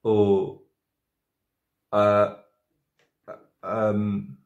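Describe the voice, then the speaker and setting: A man's voice: fairly low pitch, monotone, very slow, dull audio. A man in his twenties, drunk on wine, chatting casually to camera through a tutorial, rambling, doubting himself and losing his thread. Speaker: makeup video creator. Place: indoor home studio with dark backdrop, roomy. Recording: roomy, echoing indoor sound.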